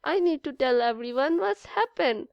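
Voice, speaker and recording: A woman voicing a calm, kind hotel manager in a storybook, reassuring as she speaks. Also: high-pitched, normal speed, gravelly, dry recording, dull audio.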